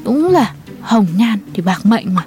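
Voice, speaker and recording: A woman's voice: on the high side, very animated, a little slow, dark tone. A woman plays a chatty, gossipy neighbor. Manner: gossipy, eager.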